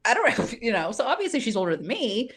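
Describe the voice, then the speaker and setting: A woman's voice: on the high side, fast talker, slightly rough. A woman in her forties, a humor writer, telling comic stories and acting out the voices of the people in them. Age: 40s. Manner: lively comic storyteller acting out quoted voices. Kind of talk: animated storytelling.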